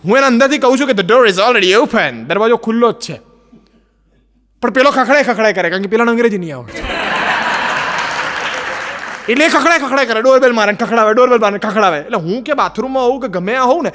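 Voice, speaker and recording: A man's voice: extremely high pitch, lively intonation, quick pace, long pauses, a bit bright, some chatter behind. A man with a Gujarati accent performing a stand-up comedy routine, telling stories with put-on voices and broken English.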